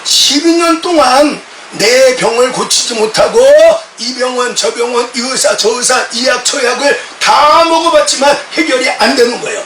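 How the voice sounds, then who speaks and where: A middle-aged male pastor preaching a sermon with passion and often shouting out quoted words, recorded in a church from a distance. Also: very high-pitched, normal speed, crowd noise. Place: church sanctuary. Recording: echoey church sound from a distant mic.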